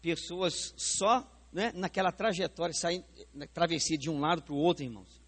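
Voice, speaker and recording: A man's voice: a little high, normal speed. A man with a Brazilian Portuguese accent, preaching a sermon in a church, staging a live demonstration and putting questions straight to the congregation. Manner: animated, questions the congregation directly. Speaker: pastor preaching. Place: church sanctuary.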